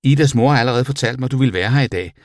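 A man voicing a brisk, welcoming female schoolteacher in an audiobook, lifting his voice higher and brighter. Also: no room sound, clean studio sound, lightly acted.

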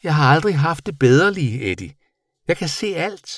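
A man voicing a small, cheerful female magic bat who talks in a high, squeaky, excited voice and keeps adding a little verbal tic. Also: no echo, clean studio sound.

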